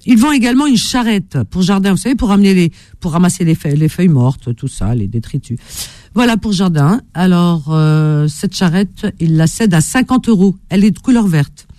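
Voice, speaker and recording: Female radio host, dry studio sound, chatty and teasing with very lively intonation. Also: fairly low pitch, brisk, no echo. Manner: teasing, familiar. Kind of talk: chatty classified-ads hosting. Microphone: studio microphone.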